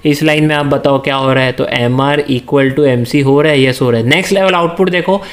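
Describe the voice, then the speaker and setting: A man's voice: mid-range voice, brisk. A male teacher giving a lecture, asking his students questions and answering them himself, mixing English terms into his speech. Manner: slips into Hindi-English mix. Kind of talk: classroom lecture.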